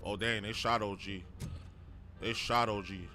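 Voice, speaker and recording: A man's voice: fairly low pitch, steady tone, measured pace, bright, forceful tone. A man giving casual, slangy live gameplay commentary, often repeating his own remarks. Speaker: game streamer. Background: game music.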